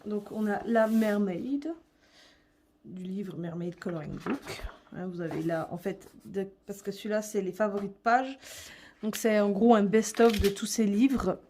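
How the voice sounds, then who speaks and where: A woman's voice: mid-range voice, a little slow, dark tone, a little hiss or hum. A young woman vlogger chatting casually and a bit hesitantly as she shows her coloring books, with many fillers.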